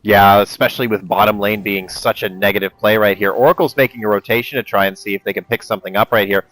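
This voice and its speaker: A man doing live play-by-play esports commentary, excitable, with his voice climbing as the action builds. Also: lowish voice, quick pace, low-quality recording.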